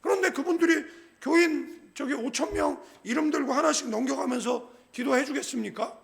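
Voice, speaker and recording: Middle-aged pastor, man, high and gravelly, lively jokey sermon with constant call-and-response to the congregation. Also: moderate pace. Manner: humorous, conversational preaching with frequent call-and-response "예?"; acts out quoted people in a lower, softer voice. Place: church sanctuary.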